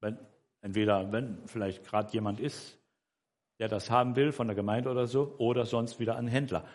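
A man's voice: medium pitch, fairly even intonation, brisk, a little mellow. An older man telling a personal faith story in a rambling, conversational way, with frequent tag questions and self-corrections. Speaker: church member giving a personal testimony. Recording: long hall reverb.

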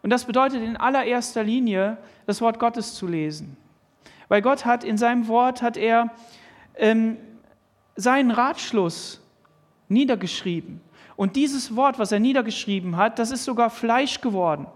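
A man's voice: very high-pitched, moderate pace. A man preaching a sermon, earnestly reading and explaining Bible verses and asking pointed questions. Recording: long hall reverb.

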